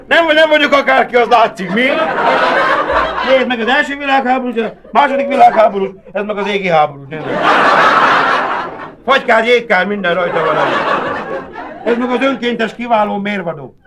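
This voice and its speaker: A cabaret comedian with an extremely high voice performs a live monologue as a boastful, rambling male asylum inmate who keeps buttonholing his listener, pausing often. The hissy old cassette captures a loud crowd and roaring laughter.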